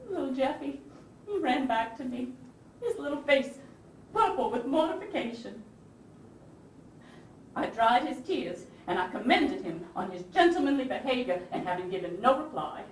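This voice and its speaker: Taking the role of the Confederacy's wounded, indignant First Lady in a stage play, a woman speaks in a highish voice at normal speed, pausing often, with lively intonation. Her sorrowful, genteel performance is theatrical and emphatic, moving between anguish and haughty scorn. The distant stage recording is echoey with hiss.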